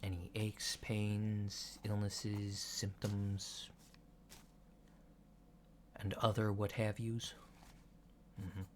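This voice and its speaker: Playing an unhurried, polite alien doctor of human appearance, this male ASMR performer gives a soft-spoken checkup roleplay. His soft, fairly low voice stays level in tone, calm and reassuring, pausing hesitantly between very slow, methodical questions. Noticeable noise sits behind the lo-fi audio.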